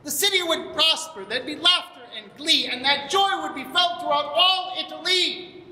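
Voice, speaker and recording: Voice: high voice, normal speed, bright, forceful tone. A performer voicing a boastful old Italian man with princely ambitions, grand and declamatory in comic stage verse. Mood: proud, hopeful. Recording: echoing hall, faint noise.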